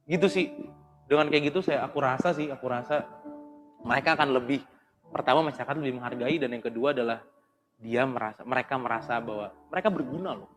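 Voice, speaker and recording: Chatty young man, roomy reverb. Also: medium pitch. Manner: relaxed, chatty, slangy, with many fillers. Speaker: speaker at youth Bible study. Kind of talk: casual talk. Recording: long reverb with faint music.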